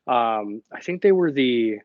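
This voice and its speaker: A man's voice: mid-range voice, animated, unhurried, no echo, phone-quality sound. A young man hosting a live online Q&A, talking casually and directly. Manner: casual and direct, chatty with fillers. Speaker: host of a live Q&A stream.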